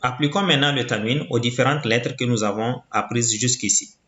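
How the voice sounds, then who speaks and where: A man teaching a reading lesson in a slow, deliberate way, patiently repeating each sound for the learner. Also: mid-range voice, a bit bright. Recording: muffled, roomy recording.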